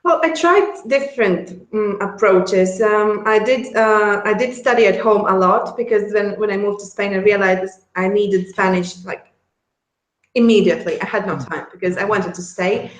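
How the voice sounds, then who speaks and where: A Latvian woman with a Latvian accent and a mid-range voice speaks at normal speed as a guest in a casual interview, laughing often and restarting sentences. She founded a relocation service. The audio is poor and reverberant.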